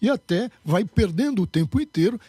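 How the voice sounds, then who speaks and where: A man's voice: sits high, animated, brisk, mellow, breathy edge, dry recording. A man answering as a guest in a political interview, emphatic and lecturing.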